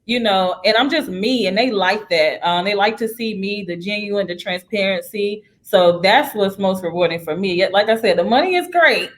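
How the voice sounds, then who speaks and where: A woman's voice: mid-range voice, normal speed, hardly any pauses. A young woman realtor in a casual career interview, talking in an upbeat, chatty way and laughing often. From United States.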